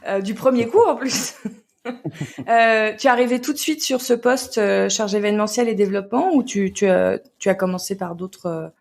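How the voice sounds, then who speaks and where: A French-accented woman hosts and interviews on a podcast, speaking at a normal pace with a medium-pitched voice and some vocal fry. She handles both the show's intro and the conversational interviewing.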